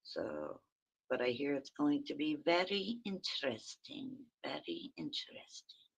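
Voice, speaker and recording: Talking to viewers by name from her phone, a woman with a very raspy, low-pitched voice hosts a rambling, chatty early-morning livestream. She sounds very animated but keeps a measured pace.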